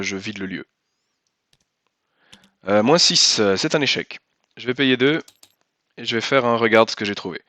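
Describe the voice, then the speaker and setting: In casual gameplay commentary, the host and player of a cooperative card game reasons out loud through rules and moves, often repeating himself to stress a point. His medium-pitched voice is pushed and bright, and the recording is dry.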